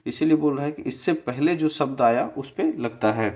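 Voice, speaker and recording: A man's voice: medium pitch, darkish tone. A man teaching a grammar lesson over a slide, explaining step by step and often checking in with his listeners. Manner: slow, repetitive, checks in with "theek hai"; spells out syllables slowly.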